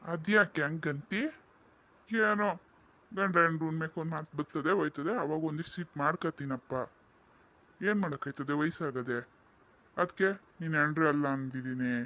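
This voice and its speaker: A man's voice: fairly high pitch, normal speed, pauses often, pushed and bright. A man voicing an elderly village grandfather in a cartoon, joking and chatty in rural speech. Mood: teasing. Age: older.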